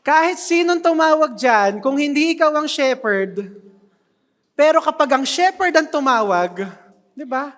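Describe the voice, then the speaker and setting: A preacher giving an animated sermon in a church, joking with the congregation. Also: high-pitched, unhurried. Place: church hall. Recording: long reverb of a church hall.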